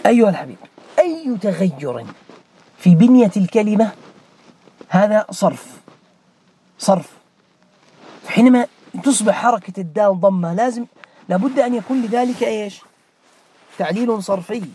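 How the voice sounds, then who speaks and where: A man's voice: high voice, lively intonation, normal speed, long pauses, warm tone, slightly rough. A man teaching morphology, questioning students by name and repeating key words as a drill. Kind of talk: interactive grammar lesson.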